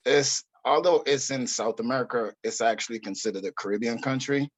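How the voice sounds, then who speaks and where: A man's voice: mid-range voice, fairly quick, no echo. A middle-aged man with a Guyanese accent, a fitness coach telling stories in an easygoing, candid way as an interview guest. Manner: easygoing, candid, swears casually. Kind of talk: casual interview storytelling.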